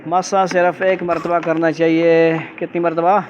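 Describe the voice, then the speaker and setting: A man leads a religious class, walking students through ritual steps one by one, giving firm instructions and repeatedly asking quick questions to check that they understood. His voice is fairly high with little pitch movement, and the lo-fi classroom recording sounds dull with a faint hum behind it.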